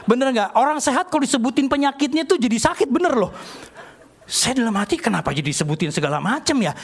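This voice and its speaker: Chatty older pastor with a high voice. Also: male voice, quick pace, creaky. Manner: chatty, jokey, acts out dialogue in animated voices. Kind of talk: storytelling sermon.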